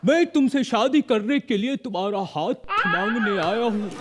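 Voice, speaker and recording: A man's voice: high voice, expressive, moderate pace. A male comedian playing a melodramatic old suitor in a comedy sketch, declaiming grandly. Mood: grandiose. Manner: grandiose, declaiming, mock-heroic. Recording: studio audience laughter and noise.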